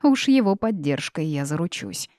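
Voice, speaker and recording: A woman reading the part of a stern, sharp-tongued old grandmother witch in an audiobook, curt and scolding. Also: deep voice, big pitch swings, moderate pace, no echo, studio quality.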